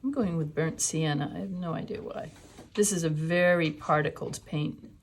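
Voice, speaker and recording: A woman's voice: low-pitched, normal speed, slight background noise. A woman teaching a watercolor class, talking through each step as she paints. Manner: chatty, explains steps while painting. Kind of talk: live class demonstration.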